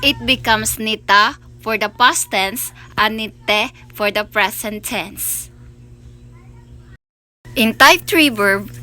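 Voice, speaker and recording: A woman's voice: on the high side, sharp tone. A woman teaching a language lesson, carefully spelling out syllables one by one. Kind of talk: slow explanatory lesson. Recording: faint background music.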